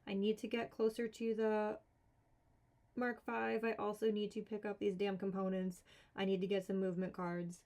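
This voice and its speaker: A woman's voice: medium pitch, level tone, normal speed, darkish tone. A woman streaming a solo board game, casually thinking aloud, counting cards and talking herself through the rules with mildly exasperated asides.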